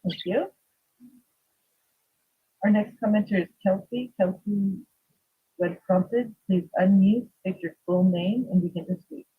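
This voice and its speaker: A woman clerk briskly calling public commenters in a formulaic, businesslike way, heard over degraded streaming audio that sounds thin and breaks up. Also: mid-range voice, slightly rough. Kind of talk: reading procedural announcements. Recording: muffled, phone-like lo-fi stream audio.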